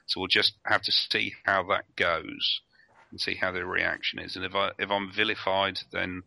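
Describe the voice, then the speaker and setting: A man's voice: deep voice, level tone, normal speed, creaky, bright, forceful tone, no echo, low-quality recording. A man co-hosting a podcast, joking and cheeky in casual chat. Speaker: podcast co-host.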